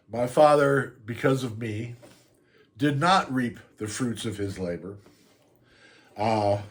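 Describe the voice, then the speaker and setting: Older man telling a rambling story. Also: medium pitch. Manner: rambling, laughs through his story. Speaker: vlogger. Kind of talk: casual storytelling.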